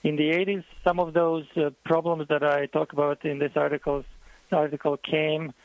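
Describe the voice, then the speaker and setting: Man, 30s, guest economist on the phone, gravelly voice, hesitant thoughtful answers. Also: a little high, flat delivery, moderate pace, no echo, narrow, tinny audio. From Croatia. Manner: hesitant, thoughtful, with many fillers. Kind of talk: interview answers.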